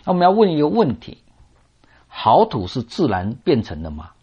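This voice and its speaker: A man's voice: a little high, huge pitch swings, husky. A man preaching a sermon on a parable, asking and answering his own rhetorical questions in a teaching tone. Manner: teaching tone with drawn-out sentence particles. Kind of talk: sermon expounding a scripture parable. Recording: dull lo-fi recording.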